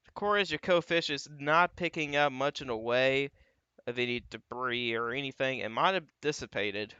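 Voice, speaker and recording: A man's voice: mid-range voice, moderate pace, bright, forceful tone, clear, resonant tone, dry recording, lo-fi sound. A man hosting a live weather stream, walking through radar images in a casual, thinking-aloud way. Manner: casual, thinking aloud, frequent "uh" and "you got". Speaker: livestream weather host.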